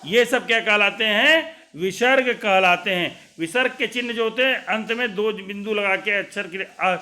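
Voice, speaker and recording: A man giving an explanatory lesson as a teacher. He poses questions and then answers them step by step, drawing out each example sound clearly. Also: high voice, moderate pace, sharp tone. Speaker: Hindi teacher.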